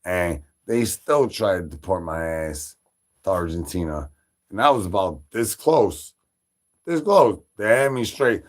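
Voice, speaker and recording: A Chicago man chats on his livestream in a deep, unhurried yet expressive voice. His talk rambles casually and loosely, with free swearing, plenty of "like" and "uh," and pauses to throw out shout-outs.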